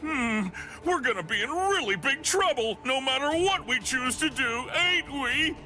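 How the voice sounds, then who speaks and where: Sharp, high, goofy sidekick. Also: male voice, lively intonation, unhurried, soft background music, exaggerated voice. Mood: comic worry. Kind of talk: anime game dub acting.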